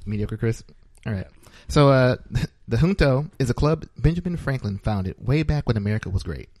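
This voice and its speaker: A man's voice: mid-range voice, expressive, moderate pace, darkish tone, no echo. Jokey, laughing male podcast host. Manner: jokey, laughs often, loose filler-heavy talk. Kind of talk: casual podcast chat. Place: small podcast studio.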